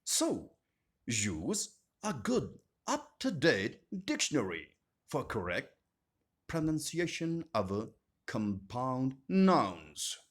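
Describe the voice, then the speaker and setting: A man teaching an English grammar lesson, speaking slowly and deliberately and repeating each term with strong stress. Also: medium pitch, wildly swooping pitch. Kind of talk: scripted grammar lesson narration.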